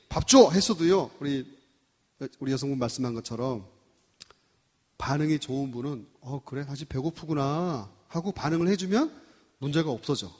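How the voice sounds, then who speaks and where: A man with a slightly high, husky voice gives a lecture to a live audience, his pitch swinging widely as he acts out everyday quarrels and quizzes the crowd. The sound carries the long reverb of a big hall. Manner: animated, asks the audience questions, acts out quoted speech. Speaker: lecturer on marriage.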